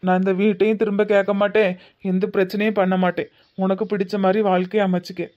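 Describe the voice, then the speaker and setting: A man's voice: high-pitched, level tone, fast, highs cut off, natural voice. A man voicing a sincere young son-in-law with a Tirunelveli Tamil accent, speaking steadily and earnestly. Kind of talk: cartoon comedy voice acting.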